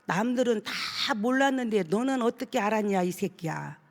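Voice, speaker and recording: A woman's voice: medium pitch, animated, normal speed, long reverb tail, lightly acted. A woman pastor voicing a mocking demon speaking through a young man, cursing and sneering. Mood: snarling.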